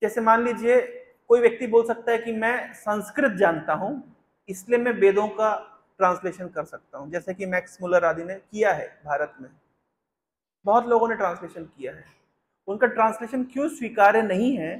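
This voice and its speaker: A man giving a spiritual discourse, chanting verses slowly and then explaining them to a gathered audience with frequent questions. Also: high-pitched. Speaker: spiritual teacher.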